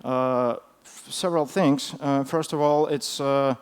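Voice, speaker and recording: A man who is a non-native English speaker gives an informal technical talk in a hesitant, halting way, often filling his pauses. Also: mid-range voice, steady tone, clear, resonant tone. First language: not English. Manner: hesitant, halting delivery with frequent fillers. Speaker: conference speaker.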